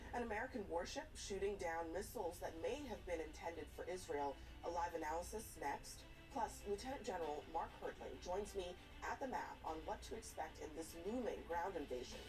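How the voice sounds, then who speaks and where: Woman, lowish pitch, news anchor, live broadcast delivery, music behind. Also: lively intonation, fairly quick, few pauses, distant mic, rough recording. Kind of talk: live news presenting and interview.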